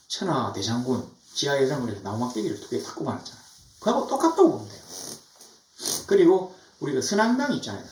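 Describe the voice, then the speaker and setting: A middle-aged man preaching a sermon as pastor, animated, now and then mimicking mocking tones. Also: mid-range voice. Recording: echoey church from far off.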